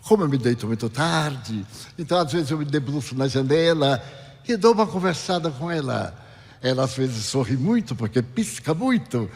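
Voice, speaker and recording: A man's voice: animated, moderate pace. Dramatic Brazilian male lecturer in a reverberant hall. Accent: Brazilian Portuguese, Bahian. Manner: dramatic storyteller with big swings in pitch and loudness. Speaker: spiritist speaker. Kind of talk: spiritual lecture with personal storytelling.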